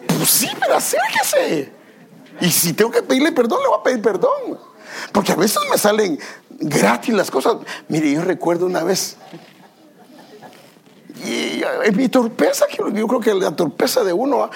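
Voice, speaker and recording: His voice high, gravelly and slightly rough, this pastor speaks at normal speed but is very animated. During the church service he tells self-deprecating anecdotes in his sermon and asks the congregation questions.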